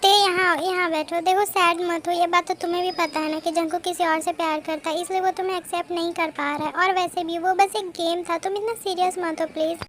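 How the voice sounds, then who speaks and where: A woman voicing a caring older-sister figure who soothes and advises gently in a fan audio drama. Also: very high-pitched, steady tone, a little fast, hardly any pauses. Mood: soothing. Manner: soothing, coaxing.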